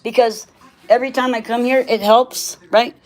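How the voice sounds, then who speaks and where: A woman's voice: fairly high pitch, fairly even intonation, moderate pace. A woman chatting casually in a rambling way, often checking for agreement, with slightly slurred sibilants from missing teeth. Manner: often ends phrases seeking agreement with "right". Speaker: vlogger.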